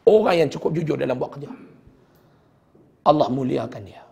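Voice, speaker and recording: A middle-aged man with a Kedah Malay accent, a religious teacher telling a heartfelt personal story in a sermon, often sinking to a hushed voice. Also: on the high side, moderate pace, creaky. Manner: heartfelt storytelling, dropping to a hushed voice at sad moments.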